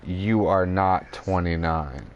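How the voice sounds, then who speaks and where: Low-voiced teasing male podcast host. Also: takes it slowly, dull audio, a little hiss or hum. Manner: teasing, swearing, laughs a lot. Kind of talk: casual chat.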